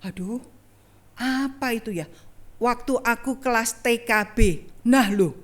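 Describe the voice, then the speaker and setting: A woman's voice: a little high, slow pace. A middle-aged woman evangelist, telling a personal story in a sermon and talking straight to the congregation. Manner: conversational, addresses congregation directly. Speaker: evangelist preacher. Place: church online service.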